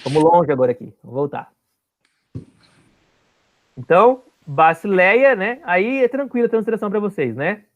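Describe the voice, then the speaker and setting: A man's voice: high voice, sing-song, moderate pace, long pauses. A man teaching an online class, explaining step by step and often checking that his students follow.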